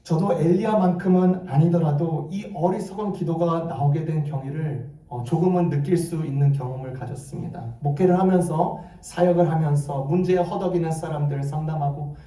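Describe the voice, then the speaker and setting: A man's voice: a little high, normal speed, few pauses, warm tone. A male pastor preaching a sermon with emphasis, repeating his key phrases. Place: church sanctuary. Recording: echoey church hall, mic far off.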